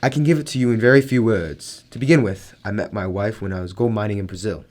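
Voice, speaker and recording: A man's voice: fairly low pitch, fast talker, darkish tone, close to an everyday voice. A man acting a proud, overbearing wealthy man in a radio drama, formal and domineering in manner. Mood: grudging, confiding.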